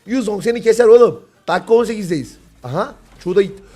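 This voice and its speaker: A young man from Turkey giving live, excitable commentary on a mobile game match and calling out moves to the players. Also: high-pitched, fast talker. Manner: excitable, yells at players when the fight heats up.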